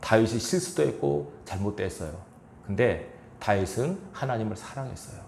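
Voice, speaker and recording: A man's voice: lowish voice, animated, normal speed, vocal fry, a little mellow, reverberant, slight background noise. A man pastor preaching a sermon in a church, chuckling now and then and acting out quoted lines. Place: church sanctuary.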